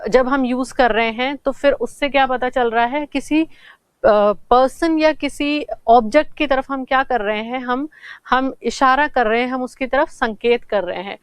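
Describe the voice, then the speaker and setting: A woman's voice: on the high side, no room sound. Woman teaching grammar, asks then answers herself, dead dry close sound. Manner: asks questions and answers them herself, says "theek hai" often; slows down to pronounce English examples clearly. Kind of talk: classroom lesson explaining grammar.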